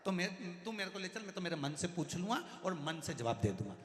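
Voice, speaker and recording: Preacher doing a deaf old grandpa hollering way too loud, high and bright, big echoey hall. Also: male voice, very animated, a little fast. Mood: pleading, insistent. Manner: shouting loudly, cheerfully oblivious. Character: hard-of-hearing old grandfather, loud and stubborn. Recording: echoey hall with long reverb.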